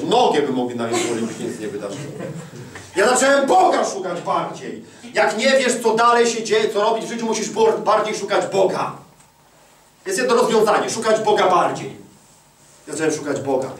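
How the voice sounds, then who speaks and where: A man preaching a testimony in a roomy church hall, his voice picked up from a distance. He moves between quiet, confiding asides and loud, drawn-out declarations, and he speaks to the congregation as if chatting with friends. There is a faint hum of the room behind him. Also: mid-range voice. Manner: swings from hushed confiding to loud, slow, emphatic preaching; addresses listeners directly and colloquially. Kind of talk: sermon testimony. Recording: echoey hall, mic at a distance.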